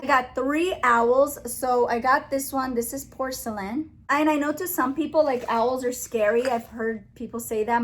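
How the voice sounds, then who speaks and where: A woman's voice: sits high, fairly bright tone. A young adult woman chatting enthusiastically as she shows off her shopping finds, often saying how much she loves them. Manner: chatty, enthusiastic, giggly over a tongue-twister. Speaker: haul vlogger. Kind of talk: casual haul video chat.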